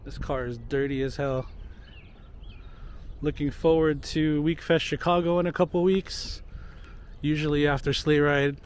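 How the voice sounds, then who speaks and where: A man in his thirties talking casually to the camera while fishing at a lake, relaxed and thinking out loud. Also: on the high side, a little slow, long pauses, smooth. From California. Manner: relaxed, thinking aloud, chuckles. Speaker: fishing vlogger. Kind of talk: casual vlog narration. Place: outdoors at a lakeshore. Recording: faint outdoor noise.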